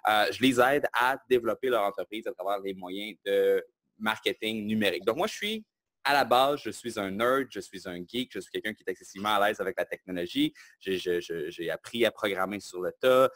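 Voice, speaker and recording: A man from Quebec with a Québécois French accent, speaking as a guest and explaining his work in a self-assured, lively way. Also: fairly low pitch, fairly quick, no room sound. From Quebec, Canada. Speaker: guest, online marketing entrepreneur. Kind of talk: casual interview talk.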